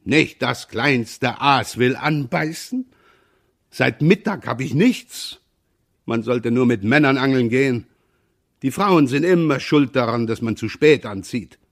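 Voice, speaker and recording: A man reading an audiobook and voicing an irritable older father who shouts angrily while fishing. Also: medium pitch, measured pace, pitched above the performer's own voice, natural voice. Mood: angry. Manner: angry shouting outbursts. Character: grumpy older father, impatient angler.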